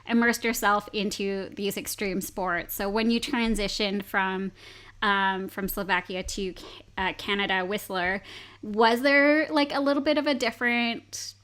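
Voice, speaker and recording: A woman's voice: medium pitch, steady tone, unhurried, a bit bright. A woman hosting a podcast, eager and gushing, asking curious questions. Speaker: podcast host. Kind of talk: casual interview chat.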